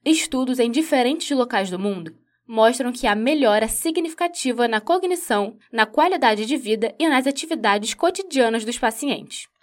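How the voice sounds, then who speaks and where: Female reporter, slightly high voice, calm measured news read. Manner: measured, even delivery.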